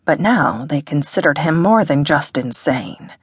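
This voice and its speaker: A woman reading an audiobook in a measured, dramatic narration. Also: sits low, animated, breathy edge, dry recording, clean studio sound. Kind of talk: scripted narration.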